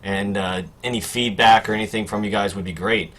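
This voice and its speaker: A man's voice: lowish voice, fairly even intonation, a little fast, a bit bright. A man, a podcast host, wrapping up the show casually over a video call, with many fillers. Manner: loose outro with many fillers. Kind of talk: casual chat and show outro.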